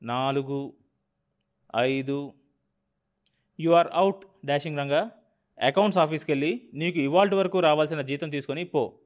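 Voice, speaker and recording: A brusque, mocking TV channel boss barks orders at his staff in a raised, high-pitched voice, as an audiobook narrator puts him on. He bullies everyone around him and sneers while he does it. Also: unhurried, long pauses, close to an everyday voice. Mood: domineering. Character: brash scheming male TV channel boss.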